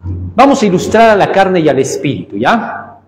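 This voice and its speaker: A man preaching a sermon with emphatic swings in pitch and loudness, asking rhetorical questions. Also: sing-song, normal speed. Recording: echoey church hall reverb.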